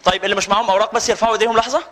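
Rapid-fire Egyptian sheikh, high voice. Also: male voice, fairly even intonation, bright, forceful tone. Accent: Egyptian Arabic. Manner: joking, teasing his audience. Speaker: sheikh giving a lecture course. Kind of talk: live religious lecture with banter. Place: lecture room with a live audience. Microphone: handheld or stand mic, with some feedback whistle.

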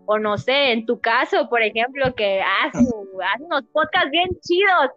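Young woman, Mexican accent, podcast guest, chatty and expressive, slightly high voice, dull lo-fi sound, faint music behind. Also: a little slow, no room sound. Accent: Mexican Spanish. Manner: animated and expressive, acts out quotes. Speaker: podcast guest, singer and dubber. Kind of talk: casual chat.

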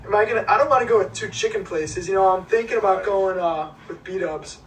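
High-voiced young man with a Chicago accent. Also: fairly quick. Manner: joking, loose, repeats words. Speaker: podcast co-host. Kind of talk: casual chat. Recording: roomy, distant mic, faint background hum.

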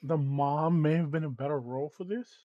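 A man's voice: a little high, moderate pace, dry recording, highs cut off. A man co-hosting a podcast, chatting casually and correcting himself as he goes. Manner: rambling, self-correcting. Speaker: podcast co-host. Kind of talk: casual chat.

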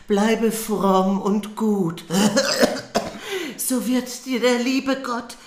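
A frail dying mother whispers her last blessing in a high, quavering voice broken by coughs. The words come slow and drawn out. The room around her rings with echo. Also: darkish tone. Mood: frail tender. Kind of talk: comic fairy-tale reading.

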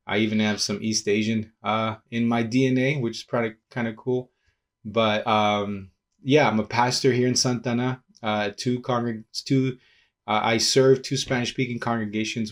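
A young man from Peru speaks in a low voice, a pastor and organizer talking through his thoughts in a casual interview. He goes slowly and carefully, restarting phrases and filling pauses as he reaches for the right words. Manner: thoughtful, halting, many restarts and fillers.

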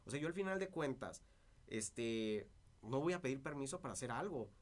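A man's voice: mid-range voice, animated, moderate pace. A man with a dry voice, talking through past disputes as an interview guest. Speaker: interview guest, party politician. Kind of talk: casual interview conversation.

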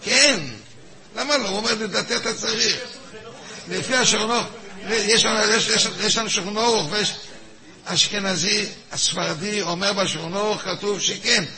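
A man's voice: high-pitched, crowd noise. A man teaching a weekly religious class, acting out both sides of a debate and firing questions at his listeners. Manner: animated, acts out both sides of a halachic dispute; repeats words, asks the audience questions. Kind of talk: lively Torah lesson with a class.

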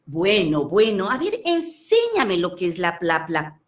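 A woman voicing a patient, doubtful schoolteacher in a children's story, speaking lower, calmly and skeptically. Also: measured pace.

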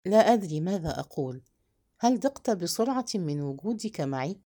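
A woman voicing a proud, bold yet tender young woman, speaking softly and intimately in a storybook reading. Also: fairly low pitch, animated, brisk.

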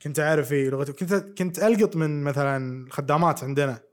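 A man's voice: fairly high pitch, fast talker. A man chatting as a podcast co-host, playful and quizzing his friend. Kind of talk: casual chat.

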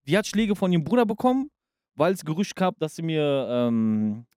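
A young man telling a school story on a podcast in an animated, punchy way. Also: on the high side, moderate pace, clean tone. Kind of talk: casual chat, storytelling.

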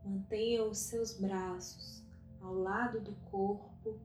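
A woman guiding a meditation at a very slow, unhurried pace, her voice mellow and warm. She speaks softly and calmly, leaving long pauses between phrases. The recording has a roomy echo, with faint soft music underneath. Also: mid-range voice. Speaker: meditation guide. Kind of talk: guided meditation.

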